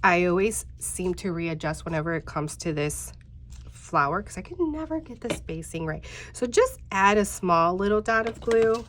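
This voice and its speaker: A woman in her thirties, a bit congested and nasal, leads a step-by-step craft tutorial while chatting casually and directly to viewers with many fillers. Her voice is fairly low and a bit bright, very animated, at normal speed, with slight background noise.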